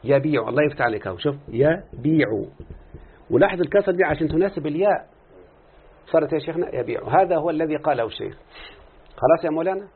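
A man's voice: fairly high pitch, lively intonation, rapid-fire, slightly rough. A man with an Egyptian accent teaching a grammar lesson, questioning his students as he explains. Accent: Egyptian Arabic. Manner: questioning students, drawing out answers. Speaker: teacher of Arabic morphology. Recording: tinny phone-like recording.

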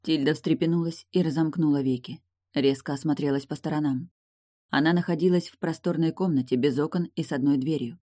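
A woman reading a novel aloud in an even, measured way. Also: sits low, no room sound, clean studio sound. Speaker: audiobook reader. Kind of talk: audiobook narration.

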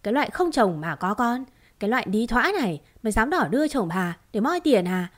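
A woman voicing a vicious middle-aged woman who shouts abuse fast and harshly. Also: fairly high pitch, big pitch swings. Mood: raging.

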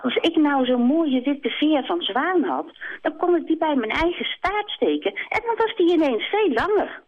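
A woman's voice: high-pitched, very animated, moderate pace, voice pushed up. A woman voicing a vain, coaxing female hen in a storybook reading, sweetly pleading. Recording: tinny phone line.

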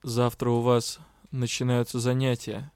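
A commanding male mage, cold and deliberate, with a sly teasing edge, as a male reader voices him. He speaks at a mid pitch, weighing his words. The reading is dry and close. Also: monotone, darkish tone, clean tone, no echo, close to an everyday voice. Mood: stern. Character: stern, sly male lord-director, a powerful mage. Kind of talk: audiobook character voice.

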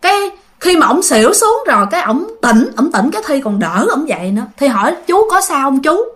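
A Southern Vietnamese woman tells a ghost story as if chatting with friends, often turning to her listeners. Her voice sits high and leaps up and down with lively energy. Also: brisk. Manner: animated, talks straight to listeners. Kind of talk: casual spoken storytelling.

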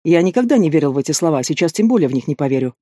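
A man voicing a male demon prince who speaks in an even, cool, teasing way, read as an audiobook character. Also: fairly high pitch, rapid-fire, dry recording, clean studio sound. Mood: smug. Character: calm mocking demon prince, male adult.

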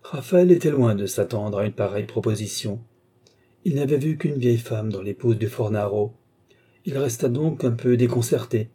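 A man reading a novel aloud as audiobook narrator, measured and even. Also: medium pitch, slightly rough. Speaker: audiobook reader.

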